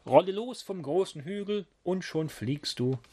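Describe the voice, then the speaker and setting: A man's voice: high voice, lively intonation, a little slow, noisy background, voice pushed up. A man doing an eager little raccoon. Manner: eager, encouraging. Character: cheerful, clever male raccoon.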